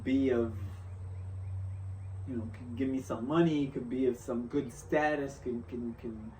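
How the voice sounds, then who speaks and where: A young man from Syria talking through a reflective motivational vlog, halting and restarting often as he thinks aloud. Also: mid-range voice, a little mellow, distant mic, a little hiss or hum. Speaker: vlogger. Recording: roomy echo, off-mic, faint ambience.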